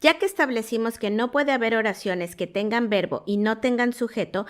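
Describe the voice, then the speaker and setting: A woman teaching English in Spanish, explaining grammar rules clearly and reading example sentences aloud. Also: a little high, normal speed. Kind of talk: scripted online lesson.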